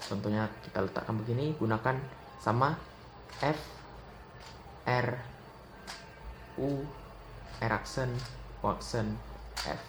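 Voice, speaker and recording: A young man talks at an unhurried pace in a casual tutorial, calling out each move one at a time. His voice sits at a middle pitch. The recording is roomy and echoey, with clear background noise. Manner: relaxed, slow, calls out move notation. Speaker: Rubik's cube tutor. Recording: echoey room with audible noise.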